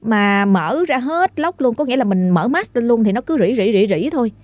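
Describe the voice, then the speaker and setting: A woman's voice: a little high, expressive, darkish tone, no room sound. Chatty woman telling ghost stories. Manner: chatty, dramatic, drawn-out. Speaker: ghost story narrator. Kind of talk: casual storytelling.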